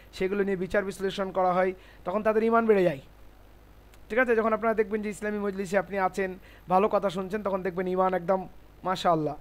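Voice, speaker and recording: Man, high voice, Quran teacher, classroom lesson, repeats the rules, quizzes the class. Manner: explains slowly, repeats rules and asks the class checking questions; spells out Arabic letters syllable by syllable.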